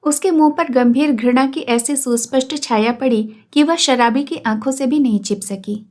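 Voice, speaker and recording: High-voiced woman narrating a story. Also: darkish tone. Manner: measured, literary narration. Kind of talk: reading a classic story aloud.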